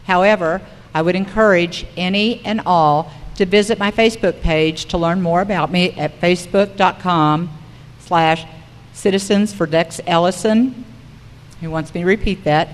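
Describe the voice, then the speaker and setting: Moderating a public forum, a woman with a fairly low pitch reads prepared material aloud to the room at a measured pace, captured in a reverberant hall.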